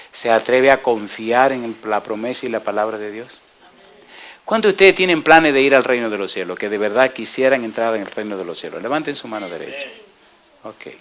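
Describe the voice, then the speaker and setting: A male pastor preaching a sermon, building to fervent peaks and dropping to a hush for the altar call and prayer. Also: lowish voice, lively intonation, fairly quick.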